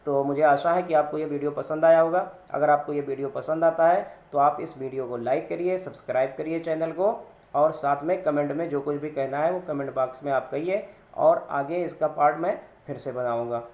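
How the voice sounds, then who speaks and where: A man with a slightly high voice teaches a grammar lesson, working through examples one by one. He repeats points patiently and asks his viewers questions before answering them. The recording carries a roomy echo. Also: fairly quick, a little mellow.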